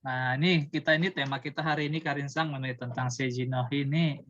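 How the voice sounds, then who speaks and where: Very low-voiced woman host, dull audio. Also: fairly even intonation, fast talker, no room sound. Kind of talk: casual online talk moderation. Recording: dull, dry online-call audio.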